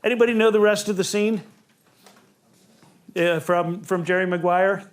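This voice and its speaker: A man with a fairly high voice leads a family relationships seminar for a live group. He keeps it conversational and slips into short acted-out lines of dialogue to make his points. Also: steady tone, moderate pace. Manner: conversational, acts out quoted dialogue.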